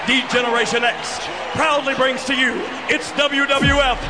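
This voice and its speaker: A man announcing in a bombastic ringmaster style, shouting drawn-out proclamations like a wrestling introduction. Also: extremely high pitch, steady tone, heavy background noise. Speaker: ring announcer. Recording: loud music and crowd behind. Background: loud music and crowd.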